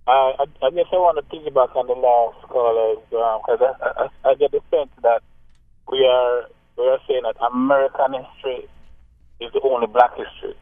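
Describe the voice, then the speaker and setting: A man calling a radio show, speaking in a measured, hesitant way. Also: medium pitch, steady tone, dry recording. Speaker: radio caller. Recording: tinny phone line.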